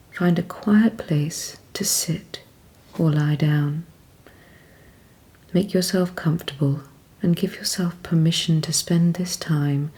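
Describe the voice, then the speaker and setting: A woman leads a scripted guided meditation with a deep voice, speaking calmly, evenly and soothingly. Her phrases often fade out in a soft, breathy way.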